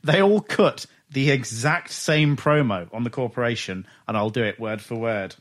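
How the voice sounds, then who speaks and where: A man's voice: medium pitch, normal speed. A man hosting a podcast, recapping a show in casual, amused chat. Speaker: podcast host.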